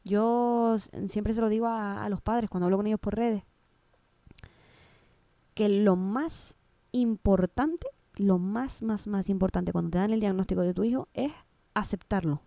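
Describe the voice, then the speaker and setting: A woman's voice: mid-range voice, measured pace, creaky, warm tone, no echo. A woman with a Canary Islands Spanish accent, a guest in an interview, speaking emotionally and often restarting and repeating her words. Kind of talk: casual interview conversation.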